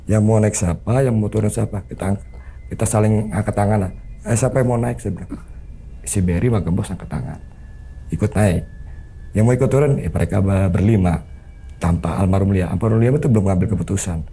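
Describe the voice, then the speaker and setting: A man's voice: fairly low pitch, a little fast, gravelly, dark tone, slight background noise. A man telling a story as an interview guest, earnestly acting out the remembered dialogue. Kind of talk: conversational storytelling.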